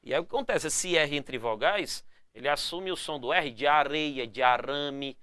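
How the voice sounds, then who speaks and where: A man teaching a spelling lesson with lots of energy, calling his viewers "galera" and checking in with "né?" and "tá?" after each point, and drawing out key words slowly to stress them. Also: fairly high pitch, clear, resonant tone, no room sound. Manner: energetic, calls the viewers "galera" and "moçada", ends phrases with "né?" and "tá?". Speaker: Portuguese grammar teacher. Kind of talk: lively spelling lesson to camera.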